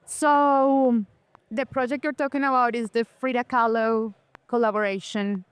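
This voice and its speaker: A woman's voice: a little high, steady tone, a little slow, clean tone, dry recording. A woman in her thirties from Colombia, an artist guest talking enthusiastically in a casual interview.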